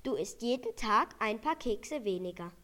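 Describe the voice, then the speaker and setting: A woman voicing a watchful male reindeer in a storybook, reproaching a friend briskly. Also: a little high, lively intonation, fairly bright tone. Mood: reproachful.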